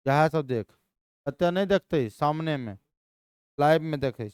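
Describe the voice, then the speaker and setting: Energetic male chemistry teacher. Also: a little high, moderate pace, clear, resonant tone, no room sound, clean studio sound. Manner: energetic, questioning students constantly. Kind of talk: live classroom lecture.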